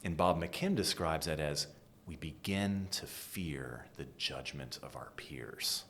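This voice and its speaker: A middle-aged American man from New England, a design executive giving an animated interview and dropping to a whisper for emphasis. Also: extremely low pitch, slow, slight background noise. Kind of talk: conversational interview.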